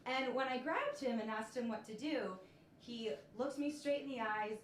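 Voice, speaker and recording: A woman in her thirties doing a stand-up comedy set, telling stories in a deadpan way. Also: fairly high pitch, normal speed, very noisy. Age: 30s. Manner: deadpan storytelling with punchlines. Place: comedy club stage with laughing audience. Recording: echoey club room.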